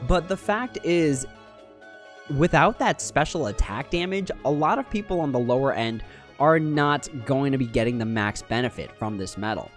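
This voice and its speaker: Man talking on a livestream headset mic. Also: fairly high pitch. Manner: analytical, critical, thinking aloud. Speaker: mobile game streamer. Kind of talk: casual livestream commentary.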